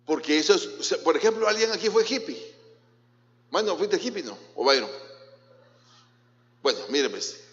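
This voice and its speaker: A man's voice: fairly high pitch, expressive, moderate pace, long pauses, a bit bright. Male pastor, Guatemalan accent, playful and questioning, dull lo-fi echoey church recording. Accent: Guatemalan Spanish. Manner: questions the congregation directly, mixes in jokes. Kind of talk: sermon. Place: church hall.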